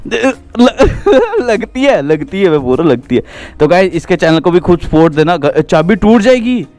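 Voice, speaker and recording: A man's voice: sits high, very animated, moderate pace, darkish tone, no echo, soft background music. A man vlogging casually outdoors in a park, teasing and laughing often. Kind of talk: casual vlog chat. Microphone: action camera.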